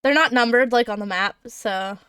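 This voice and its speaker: Woman, livestream game master; bright, clear, dry close sound, chatty and giggly. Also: fairly high pitch, normal speed, no echo. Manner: chatty, laughs often, hums while looking things up. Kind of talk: running a tabletop game on a livestream.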